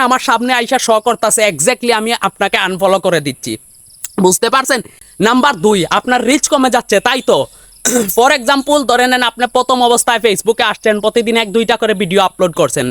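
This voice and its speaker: A man's voice: very high voice, fairly bright tone, no echo. A young man gives social media tips in a vlog and keeps asking viewers whether they understand. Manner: says he usually talks fast.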